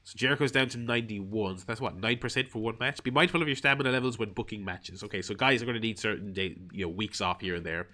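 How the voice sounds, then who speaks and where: A man's voice: lowish voice, fast, hardly any pauses, bright, forceful tone. A man streaming a mobile game, reading its tutorial text aloud and adding wry, rambling asides with lots of fillers. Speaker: gaming streamer.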